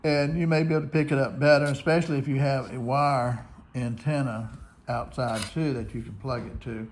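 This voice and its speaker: An American man from the United States, a shortwave radio hobbyist host, gives a casual, unscripted tutorial step by step. His mid-range voice stays steady in tone and moves fairly quickly, with clear radio static and hiss in the recording.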